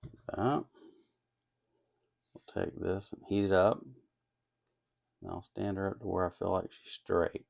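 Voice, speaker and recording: Low and gravelly, with a darkish, level tone, this man narrates a little slowly and leaves long pauses. As host of an electronics kit-building channel, he thinks aloud casually and unscripted, hesitating and musing over the work in front of him.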